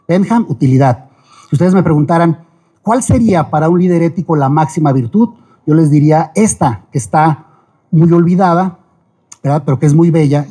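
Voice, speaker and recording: A middle-aged man with a Mexican accent giving a lively, folksy talk on ethics, full of quick asides and jokes. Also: fairly high pitch, husky. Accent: Mexican Spanish. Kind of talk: lecture-style public talk.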